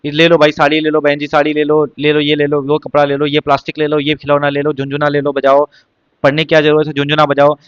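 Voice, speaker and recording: A man doing a pushy street vendor, high and dry. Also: monotone, quick pace, smooth, no room sound, highs cut off, natural voice. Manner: insistent repetitive hawking. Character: pushy male street vendor hawking goods.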